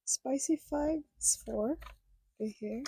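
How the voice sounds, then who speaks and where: A woman with a high voice, a native Filipino speaker, chats casually with her viewers as a budgeting vlogger. She talks haltingly and hesitantly, and the recording is very noisy.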